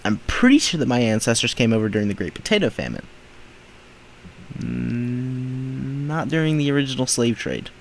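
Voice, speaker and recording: A man's voice: medium pitch, lively intonation, moderate pace, vocal fry, slight background noise, rough recording. A man hosting a reaction video, talking back at clips in indignant, emphatic rants. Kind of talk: reaction commentary.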